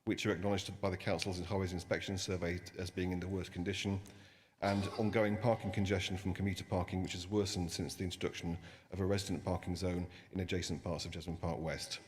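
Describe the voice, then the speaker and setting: A male city councillor, stepping in for a colleague, reading a residents' petition in a brisk, formal way. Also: deep voice, fairly even intonation, a little hiss or hum. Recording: council chamber with long reverb.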